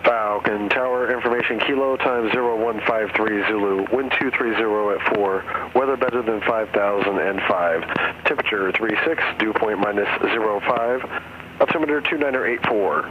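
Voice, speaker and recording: A man's airport weather broadcast plays over an aircraft radio, read in an even, measured announcer delivery. His fairly low voice comes through dull and muffled. Steady engine noise sits loudly behind it. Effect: automated airport weather broadcast over aircraft radio. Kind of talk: recorded weather and runway information read out.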